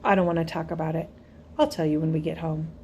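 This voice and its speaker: A tired, steady father reads out grim figures to a church board, slow and businesslike, as a woman narrator puts him on. The voice sits fairly low and deliberate, told as an audiobook scene. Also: a little hiss or hum. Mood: curt. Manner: measured, businesslike summarizing. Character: weary middle-aged father, church board leader.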